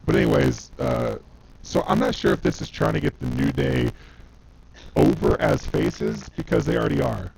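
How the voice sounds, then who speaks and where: A man's voice: low voice, big pitch swings, normal speed, gravelly, a little mellow, a little hiss or hum. A man in casual chat, his voice coming through with a robotic, transformer-like distortion, rambling with many fillers. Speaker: podcast co-host.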